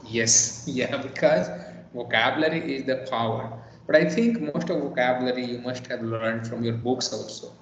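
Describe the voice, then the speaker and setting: A man's voice: mid-range voice, a little hiss or hum. Man teaching over an echoey call. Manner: patient, explains slowly and repeats words to model pronunciation. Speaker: English teacher. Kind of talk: online one-on-one tutoring. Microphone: video call. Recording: echoey, dull video call audio.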